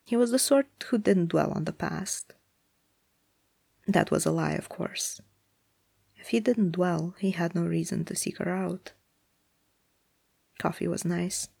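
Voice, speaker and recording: Gravelly, husky storyteller reading prose. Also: mid-range voice, steady tone, a little slow, long pauses, darkish tone, no echo. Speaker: narrator. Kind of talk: scripted story narration.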